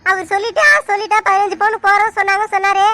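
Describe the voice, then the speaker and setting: A woman doing a shrill scolding mother-in-law. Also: flat delivery, rapid-fire. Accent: Tamil Nadu village speech. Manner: shrill, bossy, shouts and nags. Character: loud scolding middle-aged village mother-in-law. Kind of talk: cartoon dub acting.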